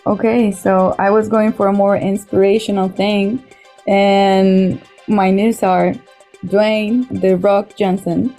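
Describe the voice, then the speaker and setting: A woman's voice: mid-range voice, little pitch movement, slow pace, warm tone, faint music behind. A woman from Mexico, a guest on a casual podcast, slightly nervous with hesitant fillers.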